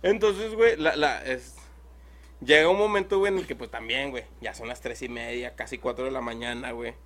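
A man's voice: medium pitch, a little fast, fairly bright tone. A young man with a Mexican accent telling a long story in casual chat, rambling and full of slang filler words. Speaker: podcast host.

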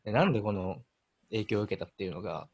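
On a casual radio chat, a twenty-something band member with a Kansai Japanese accent tells a story in a relaxed, self-mocking way. His voice is fairly low and quick, with a little hiss or hum in the audio.

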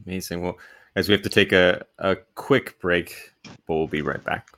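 A man's voice: deep voice, fairly even intonation, normal speed. A man hosting an improvised comedy interview, questioning his guest in a probing, mock-incredulous way. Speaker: podcast host.

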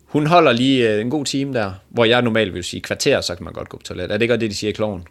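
A man casually retelling an embarrassing date story to a co-host, joking crudely and laughing along. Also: lowish voice. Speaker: podcast host.

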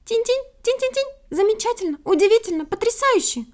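A woman's voice: sits high, unhurried, darkish tone, voice pushed up. A woman voicing a tiny, anxious little female titmouse in a storybook reading, breathless and pleading. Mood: delighted.

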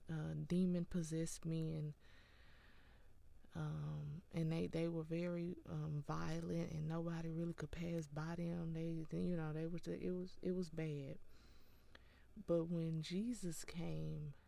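A woman giving a casual devotional talk, earnest and encouraging, often dropping into a soft whisper. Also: low-pitched, level tone, takes it slowly, creaky. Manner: earnest, encouraging, with small laughs.

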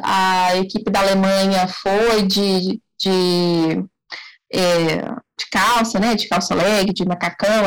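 A woman, speaking as a panelist in a casual discussion, calmly raising a new point. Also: medium pitch, low-quality recording.

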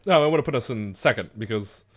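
A man hosting a podcast in casual chat, laid-back and quick to laugh. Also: medium pitch, lively intonation. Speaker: podcast host.

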